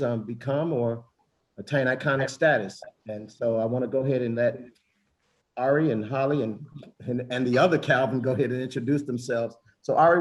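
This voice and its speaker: Upbeat man moderating a panel. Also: mid-range voice. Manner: upbeat, many fillers and restarts.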